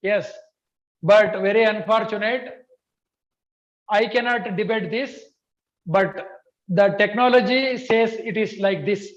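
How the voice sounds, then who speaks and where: A high-voiced man in his teaches an interactive online lesson. He goes step by step, repeating points and putting questions to his listeners. The audio is dull and lo-fi. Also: takes it slowly, long pauses. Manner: repetitive, questioning, checks for agreement. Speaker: computer typing instructor.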